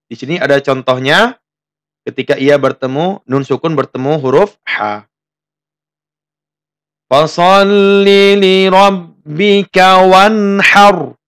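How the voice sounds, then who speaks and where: A man's voice: fairly high pitch, a bit bright. A man from Indonesia teaching a tajwid lesson, explaining rules plainly and tagging his sentences with a questioning "ya". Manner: plain explanations, then slow drawn-out chanted recitation of the example verses; often tags sentences with "ya". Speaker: Quran recitation teacher.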